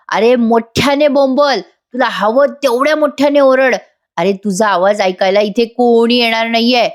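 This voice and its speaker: A woman voicing a scheming male kidnapper who mocks his captive with drawn-out taunts. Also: fairly high pitch, close to an everyday voice.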